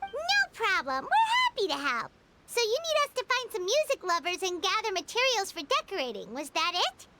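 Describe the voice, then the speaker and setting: A woman voicing a tiny, excitable female companion sprite who talks about herself in the third person, in bossy, teasing game dialogue. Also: extremely high pitch, normal speed, full character voice. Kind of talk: video game voice acting. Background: loud game music.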